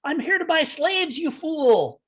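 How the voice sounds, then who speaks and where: A man voicing his adventurer, who fakes panic and shouts warnings to fool the enemy. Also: very high-pitched, expressive, normal speed, voice pushed up, full character voice. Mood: urgent. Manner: frantic, shouting. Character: scheming adventurer faking panic.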